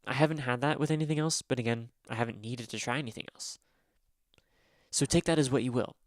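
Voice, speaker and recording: A man's voice: mid-range voice, fast, no echo. A young man talks casually into a close mic, his mid-range voice dry with no room sound. He rambles and swears often, laughing at himself as he goes. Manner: rambling, swears a lot, self-deprecating. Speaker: livestreamer.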